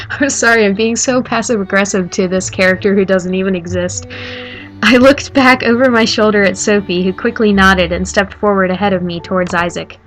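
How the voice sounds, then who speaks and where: A woman streamer reading a story game aloud as the heroine, breaking off for animated, sarcastic commentary. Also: mid-range voice, a little fast, soft background music.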